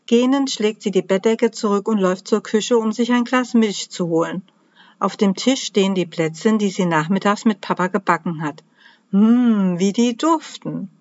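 A woman who writes children's books, reading a Christmas story aloud to children in a cheerful, lively way. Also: medium pitch, moderate pace, dry recording, highs cut off.

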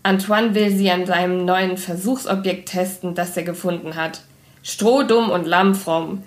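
A cold, strict woman scientist in a storybook who hisses and snaps her words slowly, as a woman reads her aloud. Her tone is sharp and commanding. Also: fairly low pitch, steady tone, close to an everyday voice. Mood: scolding. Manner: hissing, clipped, slow.

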